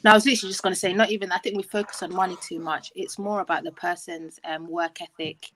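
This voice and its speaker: A woman's voice: fairly low pitch, steady tone, bright, forceful tone, reverberant, low-quality recording. A woman talking casually and assertively in a group discussion. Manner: brisk, assertive, chips in.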